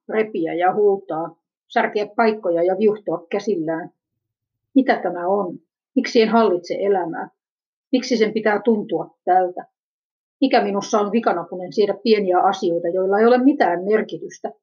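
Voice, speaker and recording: Woman, husky mid-range voice, reads a searching first-person narrative; muffled low-fidelity sound. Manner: introspective, self-questioning. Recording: dull lo-fi recording.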